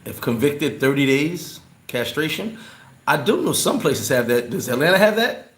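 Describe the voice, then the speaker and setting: A man's voice: fairly high pitch, big pitch swings, moderate pace, a bit bright. A man hosting a casual livestream, answering his chat in a loose, rambling way and repeating words when he gets worked up. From New York. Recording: roomy echo.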